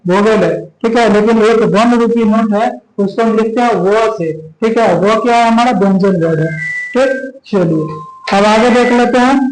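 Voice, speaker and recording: A male teacher giving a grammar lesson. He explains patiently, checks in often with his students, and slowly draws out the example words. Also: high-pitched. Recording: echoey room.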